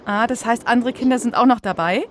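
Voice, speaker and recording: A woman presenting a children's radio show in a chatty, playful, expressive storytelling style, speaking straight to the listeners. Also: a little high, brisk, slight background noise. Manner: expressive, addresses young listeners directly. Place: radio studio.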